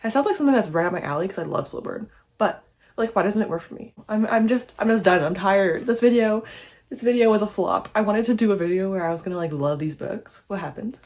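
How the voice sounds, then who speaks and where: A woman's voice: mid-range voice, fast talker, darkish tone. A young woman reviewing books in a casual vlog, chatty with lots of "like" fillers and wry, sarcastic asides. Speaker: book reviewer.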